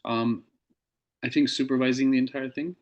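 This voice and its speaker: A man as an interview guest, recounting a personal experience in a measured, earnest way with pauses. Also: mid-range voice, steady tone.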